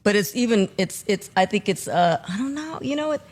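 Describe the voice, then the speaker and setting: A woman, a guest on a casual panel talk, hesitant in her answers and quick with exclamations. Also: medium pitch, animated, darkish tone.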